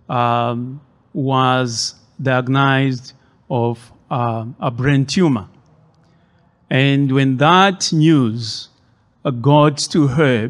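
Slow, measured Zambian-born preacher. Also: male voice, mid-range voice. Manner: measured, hesitant with many fillers. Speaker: guest preacher. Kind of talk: sermon. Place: church.

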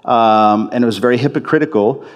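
A man's voice: mid-range voice, a little fast. A man preaching a sermon as a pastor in a church, talking conversationally, often restarting and repeating phrases for emphasis.

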